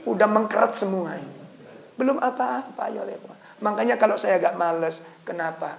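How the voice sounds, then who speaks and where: A man preaching an animated, joking sermon to an audience in a lecture hall. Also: high-pitched, fairly quick, gravelly. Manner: animated, joking, switching into local dialect. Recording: echoey, slightly dull lecture recording.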